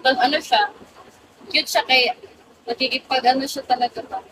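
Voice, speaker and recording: A woman's voice: high voice, steady tone, normal speed, background noise. Giggly young woman live-streaming. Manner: giggly, mixes English and Filipino. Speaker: livestream host. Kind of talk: casual live-stream chat.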